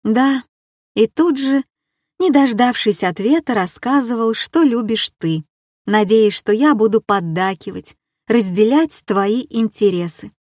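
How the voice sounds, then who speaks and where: A woman's voice: fairly high pitch, unhurried, a little mellow, dry recording, clean studio sound. A woman reading an audiobook and voicing a weary, bitter woman who reproaches her lover with probing questions. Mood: accusing.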